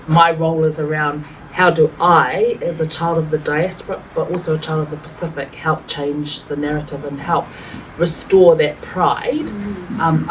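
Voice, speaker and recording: A woman from New Zealand with a New Zealand accent, speaking earnestly as a panelist with fillers. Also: low voice. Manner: earnest, reflective, many fillers. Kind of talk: panel discussion talk. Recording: distant mic with faint room noise.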